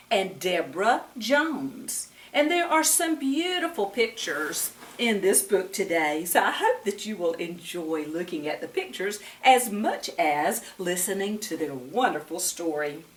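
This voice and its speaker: A storyteller and Bible teacher with a lowish, very animated voice reads slowly to young children, her sing-song talk sprinkled with questions for them. The microphone is placed far away in a room with noticeable echo.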